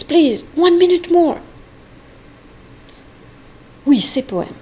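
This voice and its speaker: A woman giving a slow, deliberate sound poetry recitation, halting with long pauses and now and then dropping to a whisper. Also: sits high, darkish tone. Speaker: poetry reader.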